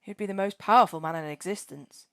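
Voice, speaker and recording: A woman voicing a scrawny, frightened young boy who speaks in a high, earnest and nervous way. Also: fast talker, fairly bright tone, no room sound, natural voice. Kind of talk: storybook reading.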